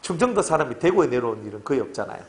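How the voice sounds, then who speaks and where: This middle-aged pastor talks very fast at a medium pitch while preaching to his flock. His tone is playful and animated, and he repeatedly invites the congregation's agreement.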